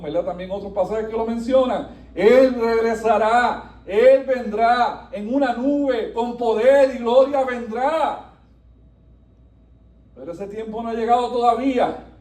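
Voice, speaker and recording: A man with a high, mellow voice preaches a sermon, rising to emphatic peaks and dropping to quiet passages. He sounds set back from the microphone in a reverberant church. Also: a little slow. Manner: animated preaching, wide swings from soft to emphatic. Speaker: pastor. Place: church sanctuary. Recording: echoey room, voice from a distance.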